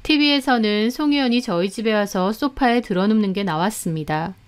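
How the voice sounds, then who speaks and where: A woman narrating a dramatic first-person story in a measured way. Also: mid-range voice, smooth.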